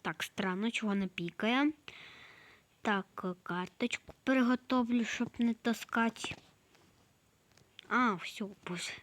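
Soft-spoken, slow, hoarse woman. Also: a little high. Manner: slow, soft-spoken, often drops to a whisper. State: hoarse, coughing. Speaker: game player narrating her play. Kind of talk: casual gameplay narration.

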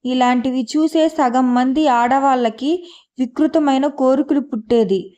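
A woman's voice: sits high, measured pace, warm tone. Woman reading as a scolding husband. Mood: disgusted. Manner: scolding, disgusted. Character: angry husband storming out of a cinema.

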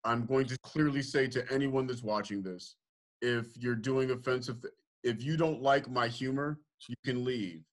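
A man's voice: medium pitch, normal speed. A man hosting a podcast, confronting his guest firmly and insistently, cutting in repeatedly. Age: older than guest. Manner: firm, insistent, repeats name to interrupt. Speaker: podcast host.

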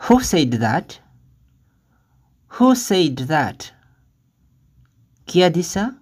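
A language teacher reading short phrases one at a time, saying each twice with careful, deliberate delivery, then giving the translation. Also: mid-range voice, very animated, slightly rough. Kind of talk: slow phrase-by-phrase lesson reading.

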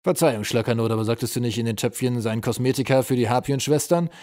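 A man's voice: medium pitch, fast, darkish tone, dry recording, clean studio sound, close to an everyday voice. A man voicing a cruel goblin general who interrogates a prisoner in a harsh, threatening, relishing tone. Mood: menacing.

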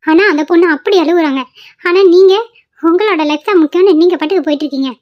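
A woman's voice: extremely high pitch, fast, lo-fi sound. A woman voicing an indignant young wife in a cartoon, scolding her brother-in-law. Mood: reproachful. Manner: indignant, reproachful.

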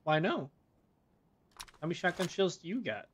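A man's voice: on the high side, big pitch swings, moderate pace, slight background noise. A man chatting casually while playing a co-op game, joking and swearing with his partner. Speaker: gamer.

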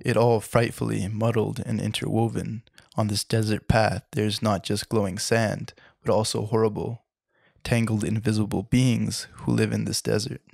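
Lecturer reading text aloud; deep, gravelly, flat delivery, trips over words and self-corrects; dry close sound. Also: male voice, moderate pace, dry recording. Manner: stumbles and corrects himself, apologizes mid-reading. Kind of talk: unscripted reading of a book passage.

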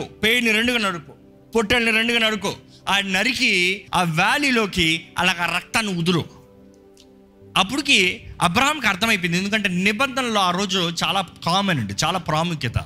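Bright, high-voiced man preaching. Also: a little fast, faint music behind. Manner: emphatic preaching with rhetorical questions to the congregation; answers a scripture reader with short affirmations. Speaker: pastor. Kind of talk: sermon. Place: church service.

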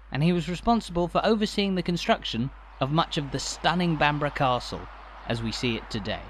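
A man with a slightly high voice narrates a walking tour from a script. His delivery is measured and informative, with a light, dry humour. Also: fairly bright tone, slight background noise.

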